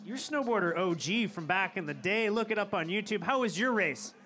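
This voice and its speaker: Upbeat male sports commentator, high voice. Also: lively intonation, fairly quick, pushed and bright. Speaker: event commentator. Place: outdoor ski event.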